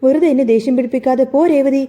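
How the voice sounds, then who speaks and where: A woman's voice: high-pitched, steady tone, quick pace, mellow, long reverb tail, close to an everyday voice. A woman voicing a hot-tempered young man in a storybook narration, talking in an angry, defiant way.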